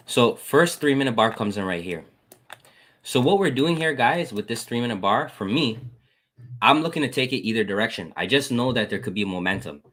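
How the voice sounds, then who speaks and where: Casual man walking through trades. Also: a bit bright. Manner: casual, repeats "guys" and "boom", thanks chat members. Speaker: trading educator. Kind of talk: screen-share trade recap.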